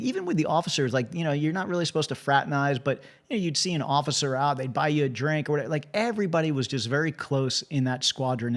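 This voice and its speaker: A man hosting a casual interview, telling animated stories and often restarting his sentences. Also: mid-range voice. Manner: animated storyteller, frequent restarts.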